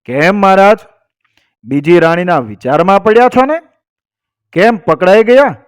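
A male storyteller takes on a jealous queen from an old folk tale. She lashes out in shrill, raised bursts, far above his own voice. It is a dry, close recording. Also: big pitch swings, measured pace, no echo. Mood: furious, accusing. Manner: shrill accusing outbursts.

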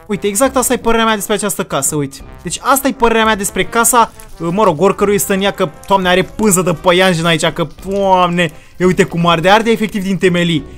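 A man giving excited, theatrical commentary while playing a game, with English exclamations mixed in. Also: high-pitched, hardly any pauses, faint music behind. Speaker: gaming video creator.

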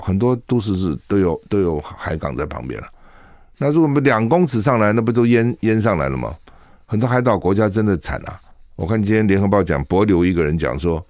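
Man, radio host, very low voice, lively swooping intonation, dry studio sound, emphatic chat. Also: no room sound. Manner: chatty and emphatic, with lots of rhetorical questions and filler particles. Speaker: radio talk show host. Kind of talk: solo commentary on current affairs.

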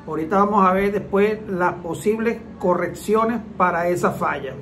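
A man's voice: sits high, moderate pace, a bit bright, slight background noise, low-quality recording. A man, a transmission mechanic, hosting his channel and explaining engine faults to viewers in plain, repetitive casual talk. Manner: repetitive, plain-spoken, acts out engine sounds.

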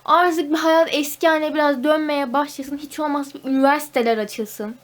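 A woman's voice: sits high, steady tone, fairly quick. A young woman, a university student, venting at home in a casual vlog, talkative and mock-dramatic. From Turkey. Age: young adult.

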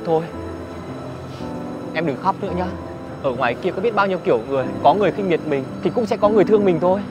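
A calm young man in a wheelchair, played by a man, talks softly and patiently in a fairly high voice. He speaks at a quick pace. Music plays behind him. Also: lightly acted. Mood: gentle. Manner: soft-spoken, calm, consoling. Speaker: wheelchair user selling goods. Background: background music.

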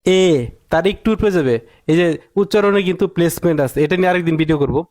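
A man's voice: fairly high pitch, very fast, a little mellow, no room sound. A man teaching an English reading lesson, emphatic, often repeating points and asking rhetorical questions.

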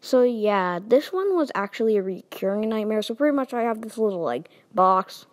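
A woman telling a casual storytime, chatty and playful, with sudden leaps in pitch and loudness and quick asides to the viewer. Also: lively intonation. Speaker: storytime video maker.

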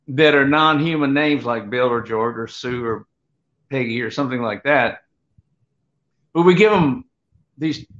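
A man's voice: mid-range voice, fairly bright tone. Older man rambling through a grandpa story. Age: 70s. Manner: halting, unhurried, digressive. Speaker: guest, Vietnam veteran. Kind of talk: rambling grandpa-style storytelling, personal war reminiscence. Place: home room, on a video call. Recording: dull, lo-fi video call audio.

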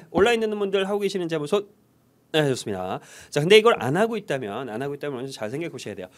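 A male English conversation teacher leads a high-energy lecture at a fast clip. His voice sits slightly high and swings widely in pitch. He keeps cueing the class to jump in and repeat after him. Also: very animated.

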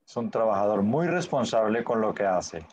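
A man's voice: fairly low pitch, expressive, moderate pace, a little mellow, a little hiss or hum. A man teaching a Spanish class online in a patient way, often checking in with short questions.

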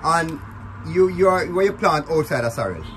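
A man with a Jamaican accent hosting a casual vlog on a rural farm, chatting in lively patois. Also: a little high, moderate pace, background noise. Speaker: vlog host. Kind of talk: casual on-location chat. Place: outdoors at a rural farmyard.

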